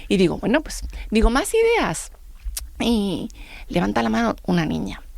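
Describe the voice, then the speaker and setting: A middle-aged woman tells her stories on a radio show, acting out each exchange with animated retelling. Her voice has a gravelly edge. The sound is dry and close, with no room around it. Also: mid-range voice, a little fast, dry recording. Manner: lively storyteller acting out dialogue. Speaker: guest. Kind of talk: radio interview storytelling.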